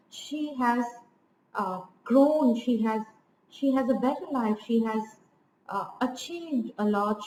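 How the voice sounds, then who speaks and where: A fairly high-voiced woman talks through a poem like a teacher in front of a class, restarting phrases and checking understanding as she goes. Her voice rings around an echoey room with a faint hiss of noise underneath. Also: a little mellow. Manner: explanatory, frequent restarts and "right?" checks. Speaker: literature teacher. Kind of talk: informal poetry lecture.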